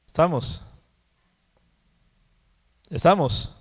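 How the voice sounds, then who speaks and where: A man teaches the Bible at a church prayer meeting. He talks slowly and keeps asking "¿sí?". His voice carries a long hall reverb. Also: a little high, lively intonation, husky. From Mexico. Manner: slow, repeats words and asks "¿sí?". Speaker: preacher.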